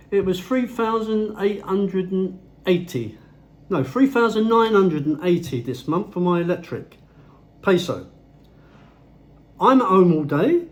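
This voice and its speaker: A man's voice: high voice, lo-fi sound. Blunt, swearing man on a heated rant. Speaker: vlogger. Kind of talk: ranting vlog monologue. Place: at home.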